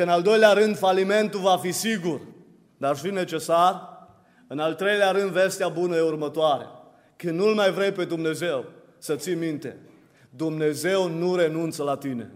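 A man delivers a sermon from the pulpit, his voice sitting high for a man. He hammers his points through repetition and climbs to louder peaks. The church hall lets each phrase ring out in a long reverb. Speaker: preacher.

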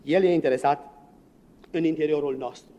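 A man preaching a sermon as pastor, animated and acting out quoted voices, shifting between loud bursts and hushed asides. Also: fairly high pitch, muffled recording.

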